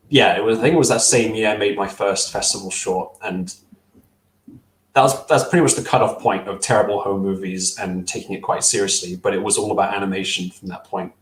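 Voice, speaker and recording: A young man joins the interview by video call with a headset from a small room at home, where he makes stop-motion films. His fairly low voice sounds roomy on a rough recording. He's relaxed yet unsure, repeatedly restarting and filling gaps.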